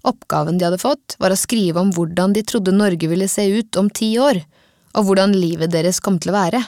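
Narrator: woman, measured audiobook reading of a children's book, mid pitch, dry close sound. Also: a little mellow, no echo. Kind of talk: scripted narration of a children's novel.

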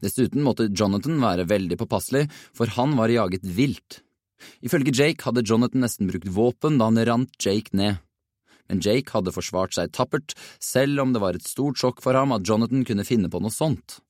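A man narrating a children's storybook in an even, measured reading. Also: lowish voice, dry recording, clean studio sound. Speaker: audiobook narrator.

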